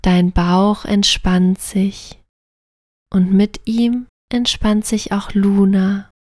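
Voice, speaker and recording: Female sleep story narrator: soothing, softly near-whispered guided relaxation, evenly pitched, in a slightly roomy echo. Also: flat delivery, drawn-out words, studio quality.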